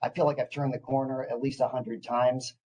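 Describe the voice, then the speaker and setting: A man's voice: medium pitch, flat delivery, brisk, a little mellow. A man giving an informal professional presentation, psyched and caffeinated, often hesitating and restarting as he eagerly talks. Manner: enthusiastic, psyched; caffeinated, eager talker who hesitates and restarts mid-phrase. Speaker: clinical department director presenting.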